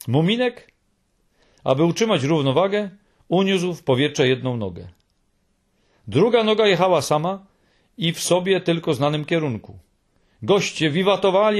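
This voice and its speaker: Male narrator for a storybook; husky, animated delivery with lots of pitch movement. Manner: expressive reading.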